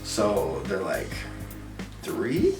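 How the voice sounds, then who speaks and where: A man's voice: fairly low pitch, huge pitch swings, very slow, darkish tone. A drunk man casually retelling a movie for laughs, rambling and repeating himself in crude slang as he acts out the characters' lines. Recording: roomy, distant mic, faint music.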